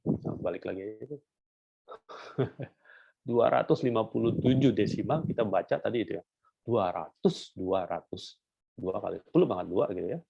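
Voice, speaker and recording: A man's voice: low-pitched, creaky, husky, no echo, muffled recording. A male lecturer explaining number systems to students in a casual, repetitive way, with frequent chuckles. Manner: informal, repeats points, chuckles often. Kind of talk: recorded university lecture.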